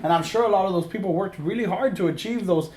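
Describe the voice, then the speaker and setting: Opinionated man, higher-pitched, in a roomy space. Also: fast, a little mellow. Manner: opinionated, emphatic, repeats himself. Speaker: film review co-host. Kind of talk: casual film review chat with profanity.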